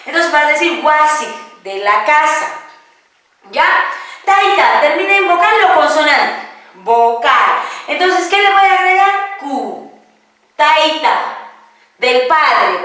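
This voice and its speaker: A woman teaches a grammar lesson in a slow, high, bright voice, asking questions and answering them herself. She stands far from the microphone in a strongly echoing room. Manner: patient, asks and answers her own questions, tag questions. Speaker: Quechua language teacher.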